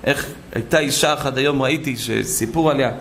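A man preaching a sermon full of stories, animated and acting out the voices of the people in them. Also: medium pitch, slight background noise. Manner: animated, acts out quoted voices. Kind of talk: sermon with storytelling.

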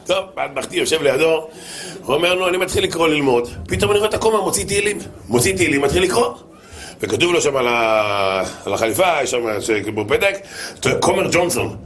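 A man preaching a humorous sermon, telling anecdotes in an animated way with many repetitions. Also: on the high side.

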